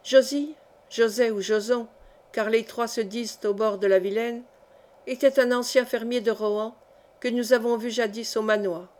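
A woman narrating a historical novel as an audiobook reader, in a measured, even storytelling voice. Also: on the high side.

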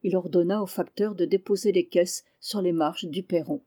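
A woman reading a novel aloud in measured, expressive narration. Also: lowish voice. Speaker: audiobook reader.

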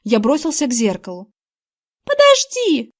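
Expressive woman reading a story aloud. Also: fairly high pitch, normal speed. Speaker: audiobook narrator. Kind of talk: first-person audiobook narration.

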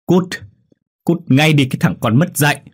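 Một người đàn ông giọng khàn, giọng miền Nam, lồng tiếng một bà mẹ già khổ cực đang giận dữ quát mắng. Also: male voice, animated, brisk, husky, dry recording, clean studio sound. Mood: scolding. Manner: scolding, shrill outbursts. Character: angry worn-out old mother, shrill and wailing.

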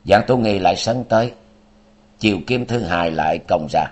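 A man narrates a martial-arts novel as an audiobook, telling it dramatically. His voice sits very low. The reading moves through the fight scenes steadily. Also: moderate pace. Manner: dramatic storytelling.

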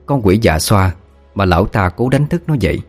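Deep-voiced man narrating a ghost story. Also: lively intonation, moderate pace, faint music behind. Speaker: audiobook narrator.

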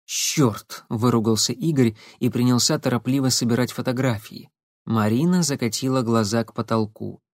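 A man narrating a story in a steady, even reading voice. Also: medium pitch, no echo, studio quality. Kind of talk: audiobook narration.

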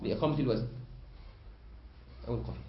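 A man with an Egyptian accent, teaching a lesson as a sheikh, often pausing to have students fill in the word and repeating points. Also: mid-range voice, a little hiss or hum. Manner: asks the class to fill in words, repeats points. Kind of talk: classroom lesson. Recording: echoey hall, muffled lo-fi.

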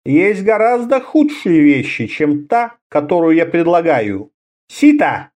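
A man voicing a cunning, cold male sorcerer with a measured, commanding manner. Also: fairly high pitch, very animated, a little mellow. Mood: cool.

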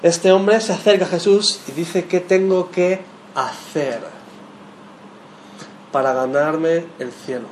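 A fairly high-voiced man gives a sermon in a roomy, echoing hall with a faint hum of ambience behind him. He preaches in a lively way, throwing questions at the people listening and pressing them to answer. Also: takes it slowly, long pauses. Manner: lively, talks with the audience, asks questions. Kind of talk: sermon teaching. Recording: echoey room with faint ambience.

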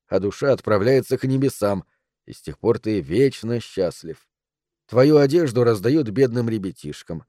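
A man narrates a novel aloud in a calm, measured way, his tone mellow and unforced. The sound is close and dry. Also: lowish voice, no room sound. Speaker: audiobook narrator.

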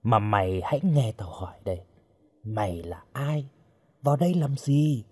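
A man voicing a brutal wanted outlaw interrogating a captive, talking in a low, gruff, threatening growl. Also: animated, moderate pace, a little mellow. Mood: menacing.

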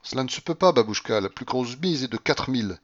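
A dutiful young tutor, as the male reader voices him, speaking politely and carefully, lifted a bit above the reader's usual tone with a lively lilt. The sound is muffled and lo-fi. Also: mid-range voice, fairly quick, pitched above the performer's own voice, natural voice. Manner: polite, cautious, reasoning. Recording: muffled lo-fi recording.

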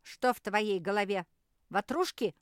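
A woman voicing a rude, sharp-tongued female frog who snaps and mocks loudly in an audiobook. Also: on the low side, moderate pace, no room sound, studio quality, lightly acted. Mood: mocking. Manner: snapping, sarcastic, loud. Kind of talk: audiobook character voice.

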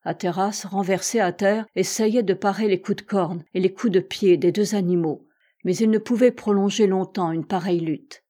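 A woman narrates a classic adventure novel with measured, expressive storytelling. Her voice is mellow and sits at a middle pitch. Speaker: audiobook reader. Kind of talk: scripted narration.

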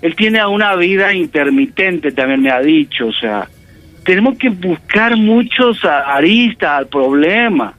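A man playing a boastful doctor on a prank call, calmly explaining and saying "ajá" often. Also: high-pitched, measured pace, dry recording, lo-fi sound. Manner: patient, explaining, lots of "ajá". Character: smug, boastful male doctor.

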